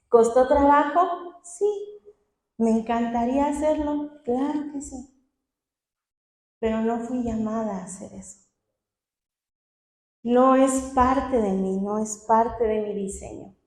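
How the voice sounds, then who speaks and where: A woman's voice: fairly high pitch, slow pace, pauses often, a little mellow, reverberant. A young woman giving an earnest personal testimony at a church meeting, laughing now and then between phrases. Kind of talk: testimony talk.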